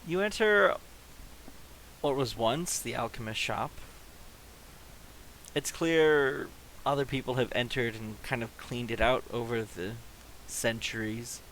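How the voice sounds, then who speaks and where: A man runs a tabletop game, describing scenes slowly and deliberately. He pauses often as he feels his way through the narration, his voice sitting at an ordinary middle pitch. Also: a bit bright, slight background noise, poor audio. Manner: slow, halting narration with pauses. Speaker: game master.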